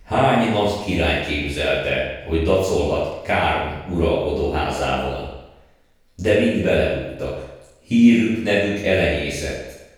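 A man's voice: very deep voice, expressive. A man voicing a proud, cruel witch queen who speaks in a haughty, commanding way, with a heavy echo effect on the voice. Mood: scornful. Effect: heavy echo reverb on the voice. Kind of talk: audiobook character voice. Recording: strong added echo, faint music.

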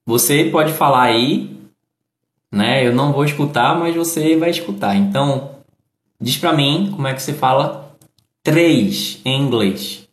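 A man's voice: mid-range voice, measured pace. A man with a Brazilian accent teaching English phrases and pronunciation in a live online lesson, explaining patiently step by step. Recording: echoey room.

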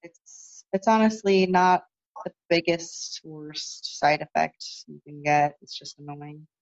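A slow, creaky voice belongs to a young woman who lifts competitively, chatting loosely in a phone interview with lots of fillers and restarts. She has lost her upper register, so she no longer sounds high, and the call audio is muffled.

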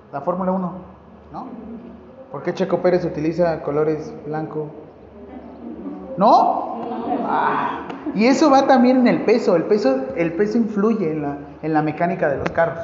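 A man with a Mexican accent giving a lively, joking classroom lecture to nursing students and asking the class questions. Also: high-pitched, a little hiss or hum. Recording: echoey hall, dull lo-fi sound.

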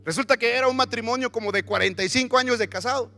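A male pastor with a high, bright voice preaches a lively sermon in a church. He keeps checking in with the congregation through questions while soft instrumental music plays underneath. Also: very fast. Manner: animated, asks the congregation questions.

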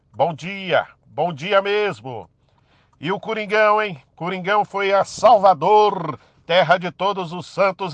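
A man's voice: sits high, a bit bright, no echo. A man giving a sports opinion segment on radio, addressing the listeners directly.

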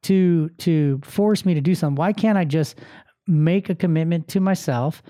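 A man's voice: a little high, normal speed, dark tone, no echo, clean studio sound. An American man hosting a motivational podcast as a life coach, talking casually and directly to listeners and repeating phrases for emphasis.

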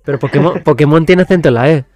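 A man's voice: on the high side, fast talker, darkish tone. A man with a Spain Spanish accent hosting a casual streamer chat, rambling and thinking aloud with lots of fillers. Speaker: show host.

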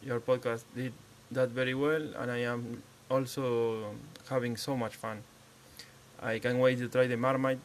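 A man's voice: medium pitch, level tone, measured pace, poor audio. A man from Argentina, a native Spanish speaker with an Argentine accent, leaving a simple voice message in English as a second language. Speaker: podcast listener leaving a voicemail. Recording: voice message with background noise.

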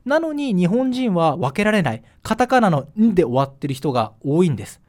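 A man from Fukushima, Japan, hosting a solo podcast in a chatty, animated way with frequent fillers. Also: high-pitched, brisk. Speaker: podcast host.

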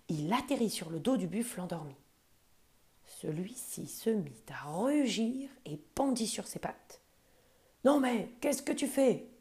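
A woman narrating a children's storybook podcast, speaking gently and addressing the child directly. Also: on the low side.

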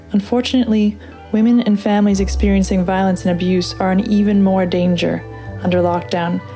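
Measured woman narrating over music. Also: medium pitch, warm tone. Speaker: podcast host and reader. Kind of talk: read-aloud narration and program introduction. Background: music underneath.

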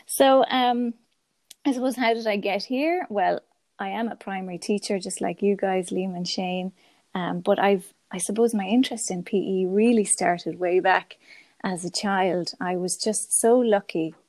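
A woman's voice: mid-range voice, a little slow, darkish tone, no room sound. A woman with a west of Ireland accent chatting enthusiastically as an interview guest on a podcast. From Galway, west of Ireland. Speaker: podcast guest, primary school teacher. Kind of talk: conversational interview answers.

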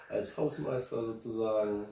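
Man, low voice, rambling with fillers, echoey room, far from mic. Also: gravelly, dark tone. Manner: rambling, many fillers and restarts. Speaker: interview guest, finance blogger. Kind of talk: casual interview. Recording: roomy, distant from mic.

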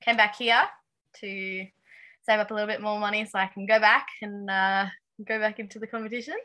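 Bright-voiced young Tasmanian woman, chatting hesitantly. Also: mid-range voice, little pitch movement, a little fast. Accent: Tasmanian Australian. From Launceston, Tasmania, Australia. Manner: hesitant, informal, frequent ums and likes. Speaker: interview guest, aspiring racing driver. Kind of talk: casual interview chat.

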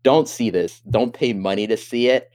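A man's voice: mid-range voice, normal speed. Man ranting animatedly in casual chat. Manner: animated, exasperated storytelling with acted-out reactions.

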